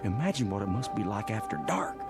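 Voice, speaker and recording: A man's voice: fairly low pitch, very animated, fairly quick, vocal fry. An actor playing an uneasy, impatient Old West saloon man with a dry manner, in old-time radio drama style. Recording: loud music under the voice.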